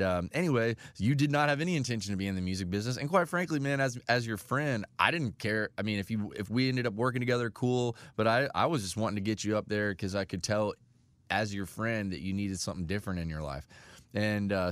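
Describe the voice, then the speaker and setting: Man, host, lowish voice, dry close sound, animated casual storytelling. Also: dry recording. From Nashville-based. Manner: animated, repeats and restarts, laughs often. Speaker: podcast host.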